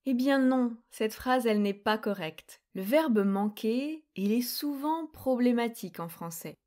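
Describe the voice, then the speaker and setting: Slow, clear-spoken woman teaching grammar. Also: a little high, animated, mellow. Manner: slow, clear and deliberate explaining. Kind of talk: scripted quiz lesson.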